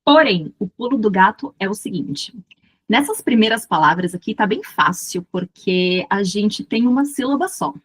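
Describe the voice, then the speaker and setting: A woman with a Brazilian Portuguese accent, teaching English grammar patiently and repeating each example slowly. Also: mid-range voice, expressive, husky. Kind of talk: explaining grammar rules.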